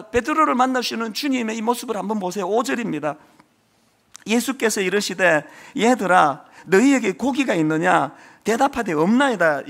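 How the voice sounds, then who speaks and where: A man's voice: high voice, vocal fry, a bit bright. A male pastor preaching a sermon in an earnest, emotional way, asking many rhetorical questions.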